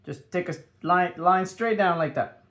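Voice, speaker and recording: A man's voice: sits high, normal speed, a bit bright. A man leading a step-by-step drawing tutorial for children, upbeat and sing-song, dropping in playful sound effects as he draws.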